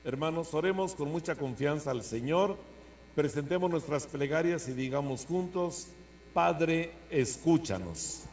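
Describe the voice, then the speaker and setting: Solemn priest, hummy recording. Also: male voice, a little high, a little mellow. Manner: solemn, measured phrasing addressed to the faithful. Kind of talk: homily and liturgical prayer to a congregation. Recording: noisy church recording with mains hum.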